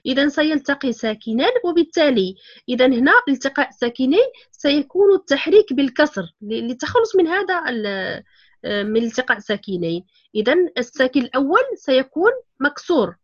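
A woman's voice: high voice, expressive, fairly quick, dull audio. A woman teaching Quran recitation rules, patiently explaining them step by step. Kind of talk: online tajweed lesson.

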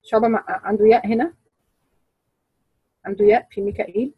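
Woman teacher, dry close sound, measured explainer who quizzes the class. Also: mid-range voice, fairly even intonation, breathy edge, no echo, dull audio. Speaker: Quran recitation teacher.

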